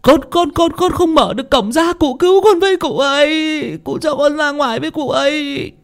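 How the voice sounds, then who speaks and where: A man's voice: very high voice, moderate pace, pitched above the performer's own voice. Man doing a stammering terrified young village woman. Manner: stammering, panicked pleading.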